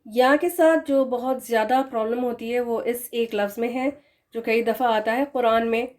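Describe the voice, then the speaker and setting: A woman teaching a recorded Quran recitation lesson who slows down to model correct and wrong pronunciations, with earnest, admonishing asides. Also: fairly high pitch, fairly even intonation, darkish tone. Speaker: tajweed teacher.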